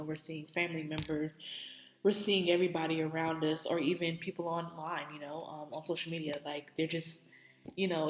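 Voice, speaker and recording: A young woman, close to tears, talks through her faith in a rambling, heartfelt way, leaning on "like" and "you know". Her voice sits a little low. The room around her is echoey, with a long reverb tail. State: teary, on the verge of crying. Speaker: faith vlogger. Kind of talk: emotional personal testimony.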